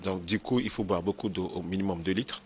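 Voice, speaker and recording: A man speaks as a physician in a broadcast health interview, in a somewhat low voice. He explains patiently and didactically, repeats his key advice and keeps asking whether he is understood. A faint hum of background noise sits under his voice. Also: fairly quick. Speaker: nephrologist.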